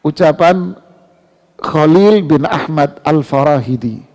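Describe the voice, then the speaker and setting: This mosque preacher speaks with animation, getting louder on important words and easing his pace for recited verses. His voice runs a little high.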